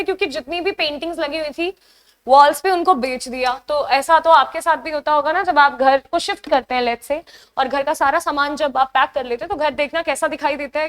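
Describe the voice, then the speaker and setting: A young Indian woman teaching English vocabulary for an exam, switching between Hindi and English and reading the example sentences slowly and deliberately. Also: high voice, fairly bright tone. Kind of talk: online exam-prep lesson.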